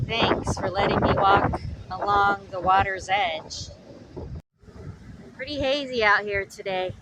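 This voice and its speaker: A woman narrating a casual travel vlog, thinking aloud in a soft-spoken way from her van and the beach. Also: mid-range voice, very noisy. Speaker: vlogger.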